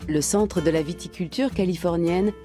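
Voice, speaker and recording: A woman reading scripted documentary narration in a measured, even way. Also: fairly low pitch, over music.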